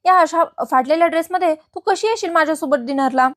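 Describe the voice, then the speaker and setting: A woman voicing a young man, a calm and trusting company boss. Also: very high-pitched, quick pace, no room sound, studio quality.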